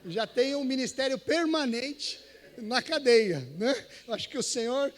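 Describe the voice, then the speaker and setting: A man's voice: very high-pitched, normal speed. A man with a Brazilian Portuguese accent, a missionary preacher telling a story in a church sermon and acting out the dialogue. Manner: animated storyteller, acts out dialogue and scripture reading.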